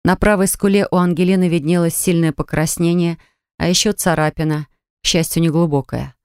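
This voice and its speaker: A woman narrating a novel chapter in an even, measured storytelling manner. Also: fairly low pitch, clean tone, no echo, studio quality. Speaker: audiobook narrator. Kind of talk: scripted narration.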